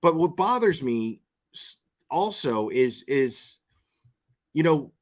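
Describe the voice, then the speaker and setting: With a fairly bright, mid-range tone, a male vlogger riffs on his opinions in unscripted online commentary. He hammers points by repeating words and regularly checks in with "okay?" and "right?".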